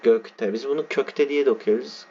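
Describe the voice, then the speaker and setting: Male teacher, slightly low voice, slow patient delivery that spells out letters, lo-fi recording. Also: darkish tone, breathy edge. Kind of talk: reading and explaining a text. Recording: dull lo-fi sound with faint background noise.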